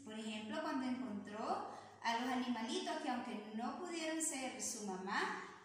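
A woman teacher telling a story to young children, animated and asking them questions. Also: sits high, a little hiss or hum. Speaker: preschool teacher. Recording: echoey room, distant mic.

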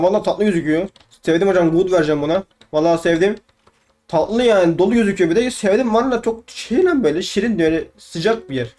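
A gaming YouTuber, a young man with a high, darkish voice, gives casual let's-play commentary. He's chatty and swears playfully, often repeating words again and again.

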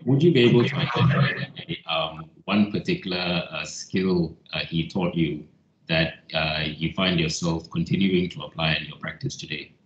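A man with a very deep voice asks short, polite questions in a webinar. His sound comes through a muffled, echoey video call line with a faint hiss. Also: moderate pace. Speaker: interviewer. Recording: dull, roomy video call audio.

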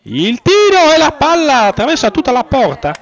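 A man commentates on football. His delivery is excitable and his pitch moves around in a lively way. The audio is dull and lo-fi. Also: moderate pace. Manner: excitable, swells on chances and goals. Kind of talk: live sports commentary of a youth football match. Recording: dull lo-fi audio, faint music.

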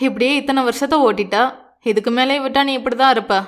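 A woman's voice: sits high, fast, natural voice. A woman voicing a confident, playful young man who teases his bride-to-be with open affection. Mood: teasing. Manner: teasing, affectionate, self-assured.

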